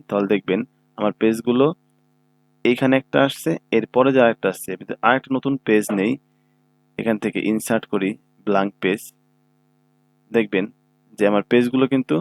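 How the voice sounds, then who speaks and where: A man giving a screen-recorded computer tutorial, explaining each step patiently and often checking that listeners follow. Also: fairly low pitch. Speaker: computer instructor. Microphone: own microphone.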